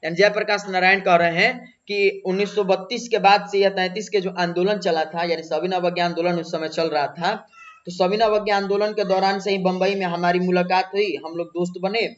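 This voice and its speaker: A man with a fairly high voice teaches a textbook chapter, retelling each passage in his own words and then going over it again for students. The recording is dull and lo-fi. He keeps stopping to mark what will come up in the exam. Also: fairly even intonation, fairly quick. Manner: paraphrases then repeats exam points. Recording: dull lo-fi sound.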